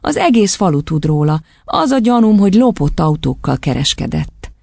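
Woman doing a kind young teacher, storybook, soft and soothing, calm, slightly husky creak. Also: fairly low pitch, no room sound, pitched above the performer's own voice, exaggerated voice. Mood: gentle.

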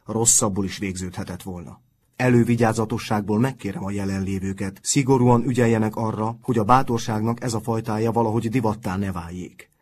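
A man's voice: fairly low pitch, fairly even intonation, darkish tone, breathy edge. A man voicing a wry boarding-school teacher giving a firm speech to his pupils in a storybook reading. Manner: addressing a group, firm.

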